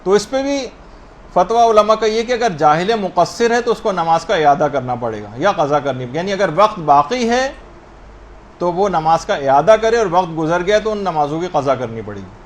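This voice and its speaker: A man teaching a religious lesson on the rules of prayer, explaining points step by step and slowly spelling out correct pronunciations. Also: high voice, lively intonation, a little hiss or hum.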